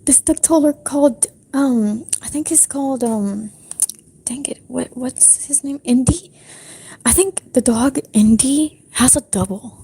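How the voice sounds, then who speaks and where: A young woman livestreaming in a breathy whisper, rambling casually with lots of fillers from her apartment restroom. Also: high voice, a little slow, warm tone, rough recording. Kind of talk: whispered casual stream chat.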